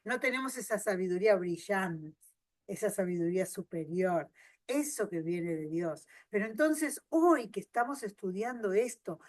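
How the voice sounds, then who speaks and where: A woman pastor, preaching a sermon and swinging from loud emphasis to soft asides. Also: medium pitch, moderate pace, dry recording.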